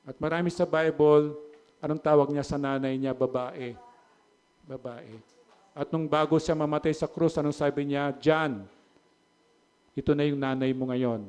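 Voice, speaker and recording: A middle-aged man preaches as pastor in a church hall, his voice sitting somewhat high for a man. He swings between loud, animated stretches and hushed, earnest ones, with laughing asides to the congregation. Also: clear, resonant tone. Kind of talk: Taglish sermon.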